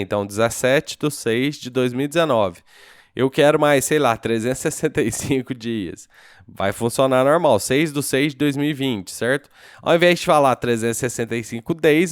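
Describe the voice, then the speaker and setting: A Brazilian-accented man talks through a coding tutorial at his computer, relaxed and unhurried, pausing often to check that the viewer is following. His voice is smooth and resonant, recorded dry and close with almost no room sound. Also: mid-range voice, no echo. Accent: Brazilian Portuguese. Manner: relaxed, thinking aloud, checks in with "certo?" after each step. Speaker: programming teacher. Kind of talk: casual screencast tutorial.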